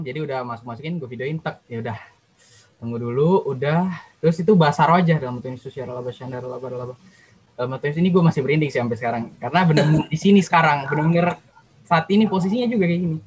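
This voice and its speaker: A man's voice: on the high side, slightly rough, low-quality recording. Slangy young man. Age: young adult. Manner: lively, slangy, emotional retelling. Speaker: youth sharing a testimony. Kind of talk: casual storytelling.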